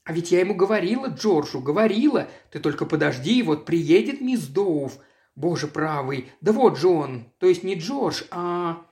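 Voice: medium pitch, animated, normal speed, a little mellow, close to an everyday voice. A reader voicing an anxious, chatty village woman in an audiobook, rambling and fussy. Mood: relieved. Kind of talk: audiobook character voice.

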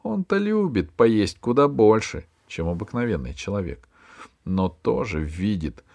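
Man, audiobook narration, low-set voice, even storytelling. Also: gravelly. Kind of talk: scripted narration.

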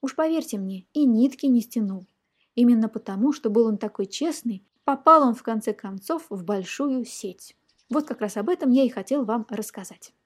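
A woman reading a children's fairy tale aloud in a lively, expressive storytelling manner. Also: fairly high pitch, moderate pace, slightly rough.

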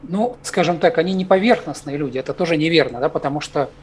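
A man speaking as a clinical psychologist guest on a talk show, in a measured, hedging way with many filler sounds. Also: on the high side, slightly rough. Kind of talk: expert commentary on a talk show.

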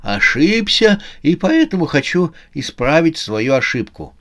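Man doing a shrill, desperate old billionaire. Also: big pitch swings, measured pace. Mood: bargaining. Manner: shrill, shouting and pleading. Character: desperate old male billionaire, greedy and bargaining.

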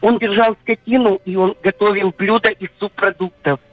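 A woman's voice: medium pitch, fairly even intonation, no echo. Hesitant woman caller over a landline phone. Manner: hesitant, halting with fillers. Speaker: caller to a radio show. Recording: tinny phone line, faint music behind.

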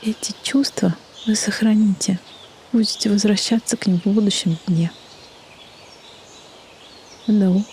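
A woman leading a guided meditation in a soft, breathy half-whisper, with soothing delivery and long pauses. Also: mid-range voice. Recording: faint background noise, birdsong ambience. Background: birdsong and nature ambience.

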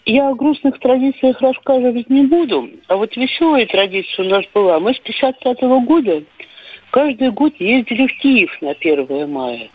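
A woman's voice: fairly high pitch, lively intonation, normal speed. An older woman calling in to a radio show, chatting and reminiscing over a phone line. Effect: caller heard over a phone line on the radio. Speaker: radio caller. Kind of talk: call-in story. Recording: tinny dry phone line.

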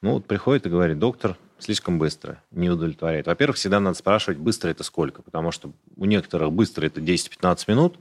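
A man's voice: sits low, fast, hardly any pauses. A man, a urologist, explaining medical matters in a casual podcast conversation, matter-of-fact and detailed. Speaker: urologist guest.

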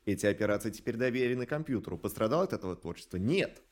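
This studio director, with a lowish and animated voice, gives an interview in which he explains things in a measured, articulate manner with rhetorical emphasis.

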